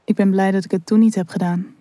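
Relaxed friendly young guy, read by a woman, low-key and close, mellow dry sound. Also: fast, no room sound, natural voice. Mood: intimate.

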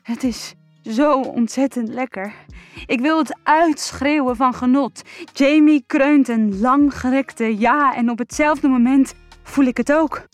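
A woman reading a first-person erotic story aloud in a slow, breathy, sensual way. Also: high voice, dry recording, soft background music. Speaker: narrator.

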